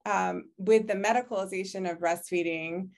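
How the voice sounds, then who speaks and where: A woman's voice: medium pitch, fairly even intonation, normal speed, vocal fry, a little mellow. A woman from Hungary with a Hungarian accent, English not her first language, recalling her story in a reflective oral history interview over a video call, filling her talk with "you know.". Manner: reflective, frequent "you know", laughs easily. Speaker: interviewee, public health professor. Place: home office, virtual background.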